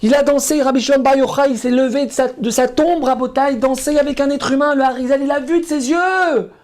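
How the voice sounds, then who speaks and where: A man who is a rabbi preaching a passionate sermon, repeating himself for emphasis and swinging from loud exclamations to low murmurs. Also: steady tone, fairly quick. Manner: emphatic and repetitive, often calling out to listeners. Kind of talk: impassioned sermon.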